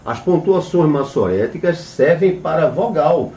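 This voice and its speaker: A man's voice: on the high side, animated, unhurried, dark tone. A man teaching a religious class as a rabbi. He spells Hebrew letters and vowel marks out one by one, asks "right?" after nearly every phrase, and turns emphatic when he rejects false claims. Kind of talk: religious lesson on Hebrew names. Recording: echoey room, mic at a distance.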